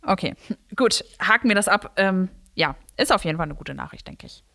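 A woman's voice: lowish voice, expressive, brisk, creaky, bright, forceful tone, no room sound, studio quality. A woman hosting a local newspaper podcast in casual chat, rambling and laughing often.

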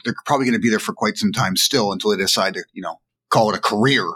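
A middle-aged man co-hosting a casual sports chat podcast, explaining his views in an emphatic, animated way. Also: fairly low pitch, fast talker, breathy edge. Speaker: podcast co-host.

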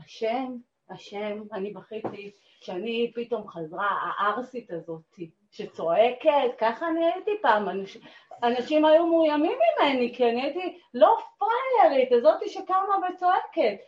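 A woman sharing an emotional personal testimony in a class, dramatic and swinging between hushed and loud. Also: on the high side, expressive. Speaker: class participant. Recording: dull, roomy recording.

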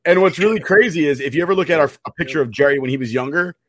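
Higher-voiced man co-hosting a podcast. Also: rapid-fire, a bit bright. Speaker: podcast co-host. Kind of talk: casual podcast chat.

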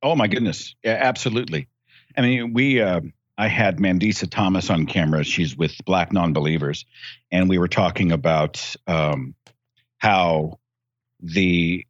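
A man giving articulate conversational commentary in a measured, rhetorical and emphatic way. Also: deep voice, no echo. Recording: dry, slightly dull audio.

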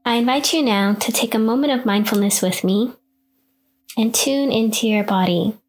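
A woman podcast host leading a guided meditation in the soothing, unhurried, gently instructing manner of a sleep story narrator. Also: fairly high pitch.

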